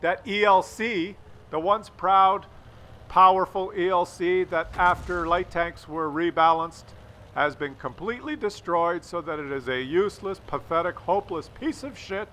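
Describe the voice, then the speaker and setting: A man hosts a gaming video, giving casual replay commentary that is wry, sarcastic, teasing and full of crude jokes. His voice sits high, pushed and bright, at a slightly slow pace. Faint game noise plays behind him.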